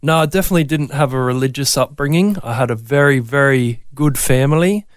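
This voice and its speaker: This Brisbane man, with a Queensland Australian accent and a brisk mid-range voice, shares his personal story casually and a bit hesitantly as an interview guest. The recording is dry and studio quality.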